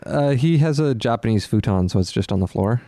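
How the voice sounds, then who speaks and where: A young adult man chatting casually as a podcast co-host, halting and often repeating his words. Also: medium pitch, expressive, mellow, no echo. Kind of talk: casual chat.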